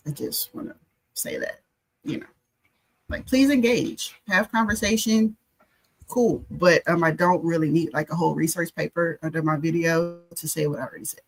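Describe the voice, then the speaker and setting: A woman's voice: fairly low pitch, normal speed, slightly rough, rough recording. An American woman talking casually as a panelist on a podcast.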